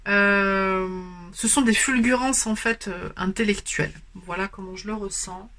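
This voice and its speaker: A woman giving a spoken tarot card reading. She explains gently and pauses often, filling the gaps with hesitant fillers. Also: medium pitch, fairly even intonation, faint music behind. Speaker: tarot and oracle card reader. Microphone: camera on a stand.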